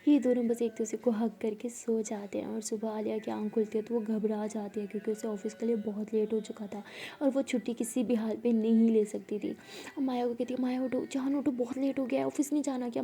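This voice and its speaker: High, gravelly-voiced woman telling a story. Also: dark tone. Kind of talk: casual spoken storytelling with voiced dialogue.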